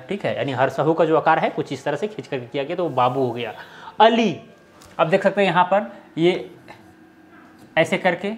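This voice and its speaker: A man explaining a script lesson step by step, often checking in with the viewer. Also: high voice. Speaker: teacher.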